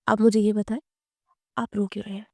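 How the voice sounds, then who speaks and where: A woman voicing a gentle, worried young woman who pleads softly in a storybook romance. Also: mid-range voice, little pitch movement, no echo, clean studio sound, lightly acted. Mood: pleading. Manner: soft, pleading, breathy at times.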